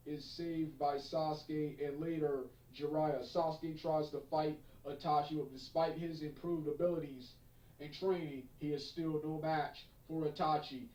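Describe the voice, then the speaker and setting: A man talks through an unscripted review, stumbling over his words and looping back to repeat phrases as he goes. His voice sits a little high yet sounds mellow and dark in tone. The room echoes, and he sits some way off from the mic. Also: far from the mic. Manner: halting, many fillers and restarts, repeats phrases.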